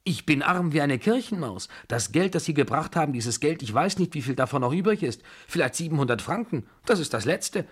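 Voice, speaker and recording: A man's voice: on the low side, big pitch swings, normal speed, few pauses, husky. A man plays a broken older general in a radio reading of a novel, begging and ranting in a strained, raised voice. His talk lurches between pleading and agitation. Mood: agitated.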